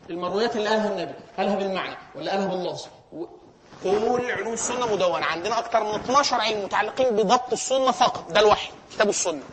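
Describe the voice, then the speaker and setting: A man with an Egyptian accent giving a lecture, asking himself questions and answering them. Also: high-pitched. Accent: Egyptian Arabic. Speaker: teacher of Islamic sciences.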